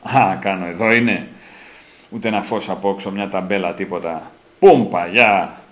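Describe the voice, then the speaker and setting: A man with a low-sitting, fairly bright voice reads his own literary prose aloud, lifting dramatically on repeated phrases. The recording has a roomy echo and faint ambience.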